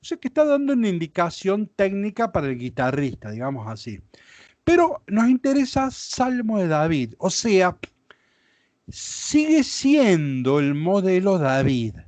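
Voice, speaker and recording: Casting: Rioplatense priest leading a Bible class, high animated voice, slow patient delivery, dry close sound. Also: male voice, no room sound. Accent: Rioplatense Spanish. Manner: explanatory, frequent checks like ¿sí? and ¿ven?.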